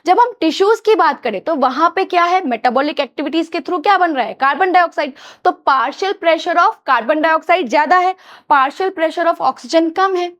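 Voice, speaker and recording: A woman with a high, bright voice teaches a biology class with an Indian accent. She keeps asking her students questions and then answers them herself, calling them "children". Her explanations are patient and repeat the same points. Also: animated, normal speed. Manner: often addresses students as children. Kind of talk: classroom lecture.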